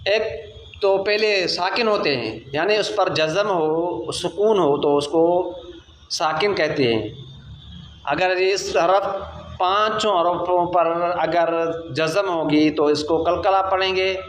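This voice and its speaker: A man teaching young children to recite, drilling them with steady praise and firm corrections. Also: high-pitched, a little hiss or hum. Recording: echoey room.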